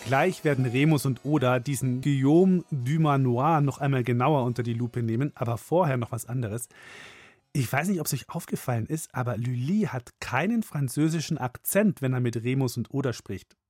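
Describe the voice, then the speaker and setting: A man's voice: medium pitch, normal speed, darkish tone, no echo, soft background music. Man explaining things to kids. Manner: direct, addresses listeners, quizzing. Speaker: host explaining to children.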